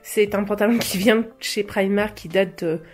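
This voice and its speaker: A woman's voice: medium pitch, steady tone, normal speed. A French woman talking casually through a clothing try-on haul, hesitating often and restarting her sentences. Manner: hesitant, many fillers and restarts. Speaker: fashion vlogger.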